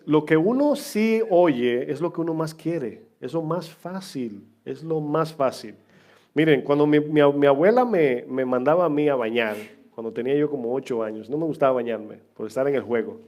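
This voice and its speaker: A man's voice: a little high, moderate pace, a little mellow. A middle-aged man preaching as pastor, chatting with his congregation with humor and questions. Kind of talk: sermon. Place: church.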